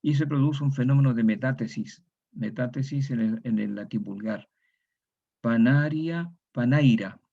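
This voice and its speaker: This recorded online lecture comes from a Chilean university lecturer whose medium-pitched voice is warm, with vocal fry, at a normal speed. The sound is lo-fi. He is methodical, repeating every example word and ending points with tag questions.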